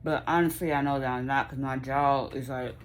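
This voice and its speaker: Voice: medium pitch, fairly even intonation, a little fast. American vlogger chatting casually w a sore stiff jaw, midrange voice, noisy home video. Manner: restricted jaw movement from a sore jaw after surgery. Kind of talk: casual chatty recovery vlog.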